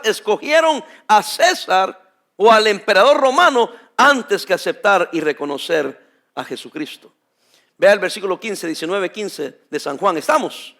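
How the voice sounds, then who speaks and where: A male pastor preaching a sermon, emphatic and addressing the congregation directly as brothers, often pausing so they can finish his phrases. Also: high voice, bright, forceful tone.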